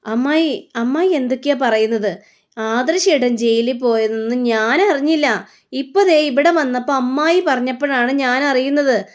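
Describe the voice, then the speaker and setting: A man's voice: extremely high pitch, moderate pace. A woman voicing a young man who acts shocked and innocent, protesting in a pleading tone.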